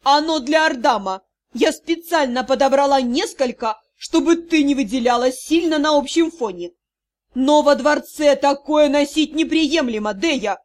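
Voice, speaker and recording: A woman's voice: sits high, lively intonation, unhurried. A woman voicing a commanding, hissing noble matriarch. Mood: scolding. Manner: commanding, clipped orders. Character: imperious hissing noble mother-in-law, domineering and fierce. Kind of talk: audiobook character voice.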